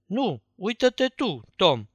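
A man's voice: high voice, sing-song, breathy edge, no echo, pitched above the performer's own voice, full character voice. A man reading the part of a frightened young boy in anxious, pleading tones, in an audiobook. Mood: scared. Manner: anxious pleading whisper-talk.

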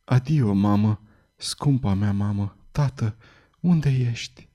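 A frail, frightened young girl, voiced by a man reading aloud. The voice sits well above his usual one, soft, breathless and pleading. An audiobook character voice. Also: high voice, lively intonation, pitched above the performer's own voice. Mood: faint, pleading.

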